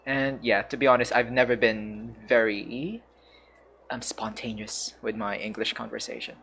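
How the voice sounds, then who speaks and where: This Filipino streamer, who also teaches English, offers casual, hesitant game commentary while hunting for words, in a Filipino accent. His medium-pitched voice is gravelly and a bit bright, with fairly even intonation and a moderate pace. There is a little hiss or hum.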